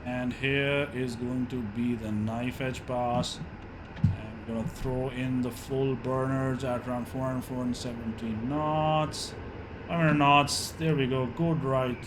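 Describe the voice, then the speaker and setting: A man's voice: mid-range voice, steady tone, measured pace. A man giving live flight simulator airshow commentary, narrating each move in clipped phrases as he flies. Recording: clearly noisy background.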